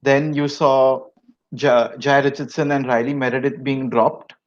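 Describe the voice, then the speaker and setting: A man who is a guest cricket fan, giving a measured, hesitant analysis with many fillers. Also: mid-range voice, flat delivery, highs cut off. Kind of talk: casual analysis on a video chat.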